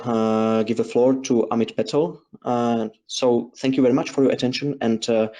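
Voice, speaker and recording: A man giving a technical webinar presentation in a hesitant, halting way, often repeating phrases. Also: medium pitch, dark tone. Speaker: presenter, researcher.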